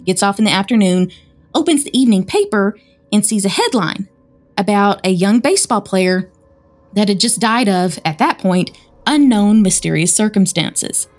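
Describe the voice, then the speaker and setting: A woman's voice: mid-range voice, animated, moderate pace. A woman with a Southern American accent, co-hosting a podcast and chattily retelling a spooky story. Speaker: podcast co-host. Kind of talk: casual storytelling chat.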